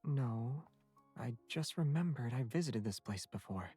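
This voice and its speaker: A man playing a calm, devoted young hunter in a video game, with a flat, apathetic, unhurried delivery. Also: mid-range voice, slightly rough, soft background music. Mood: detached, mild.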